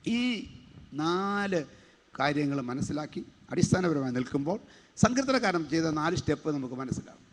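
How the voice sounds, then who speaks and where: A male pastor delivers a sermon in a church sanctuary, his fairly high voice ringing out with a long hall reverb. He keeps breaking in with "praise God, hallelujah" between points. It sounds like a live stream of a church service. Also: lively intonation, normal speed. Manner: preaching with frequent "praise God, hallelujah" interjections.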